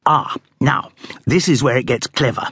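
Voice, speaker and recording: A man's voice: medium pitch, normal speed, a bit bright, slightly rough, no room sound, studio quality, pitched above the performer's own voice. A man voicing a cheery, dim-witted young aristocrat who talks in bumbling upper-class slang.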